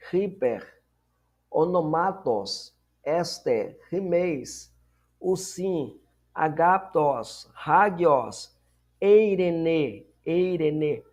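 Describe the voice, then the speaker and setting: A man with a Brazilian Portuguese accent teaching a Greek reading lesson, repeating each word slowly and explaining its pronunciation. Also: on the high side, darkish tone.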